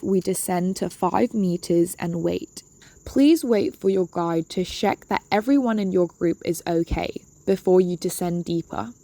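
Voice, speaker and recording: Creaky, mellow woman giving instructions. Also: fairly low pitch, no room sound. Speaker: dive briefing presenter. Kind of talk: instructional video narration.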